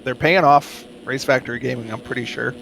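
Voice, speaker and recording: A man's voice: medium pitch, fairly even intonation, a little fast, vocal fry, background noise. A man co-commentating an online motocross race with dry, joking asides. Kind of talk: casual race color commentary.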